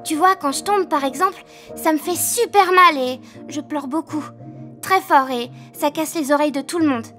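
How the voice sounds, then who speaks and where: A bouncy, excitable little girl with a very high, piping voice, rattling on fast and loud. It is a children's audio story, with soft music in the background. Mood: excited chatty.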